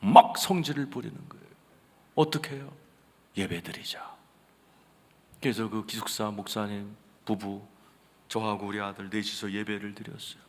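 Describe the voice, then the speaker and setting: A man preaching a sermon as senior pastor, telling a story with sudden swings between loud outbursts and hushed asides. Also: lowish voice, fairly even intonation, moderate pace, pauses often. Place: large church sanctuary. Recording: reverberant church hall.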